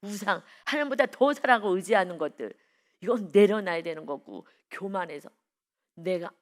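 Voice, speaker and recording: A woman's voice: mid-range voice, lively intonation, moderate pace. A woman pastor giving an early-morning devotional sermon in a conversational way, telling personal stories and putting questions to the congregation.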